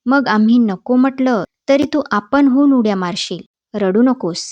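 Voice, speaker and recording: A woman's voice: on the high side, unhurried, darkish tone, no echo, natural voice. A woman voicing a friendly village boy who encourages a scared friend, in a storybook reading. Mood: encouraging. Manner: coaxing, encouraging. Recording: dull dry voice-over.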